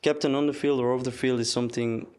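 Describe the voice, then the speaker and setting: A young man from Belgium talks through an interview in a relaxed, halting way, filling pauses with plenty of ums. His voice is smooth and clear, at a middling pitch for a man. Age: 20s. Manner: relaxed, hesitant with many fillers. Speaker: student athlete, soccer captain. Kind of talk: casual interview.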